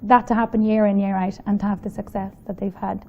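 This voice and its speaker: Irish actress guest, enthusiastic chatter, gravelly voice, dull lo-fi studio recording. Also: female voice, mid-range voice, level tone, quick pace. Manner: enthusiastic, warm, laughs often. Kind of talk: casual chat interview.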